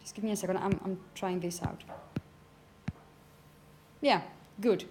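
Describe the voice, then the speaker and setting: With a mid-range voice and fairly even intonation, a female phonetics teacher lectures at a measured pace, emphasizing example words and asking the students frequent check-in questions. The room is an indoor classroom with echo and background noise.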